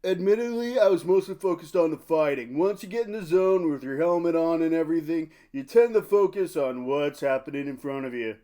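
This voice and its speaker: A man's voice: fairly high pitch, fairly quick, few pauses, warm tone, lightly acted. A man playing a proud young medieval prince who talks casually and confidently, as in a post-game sports interview. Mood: cocky, pleased. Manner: casual, self-assured.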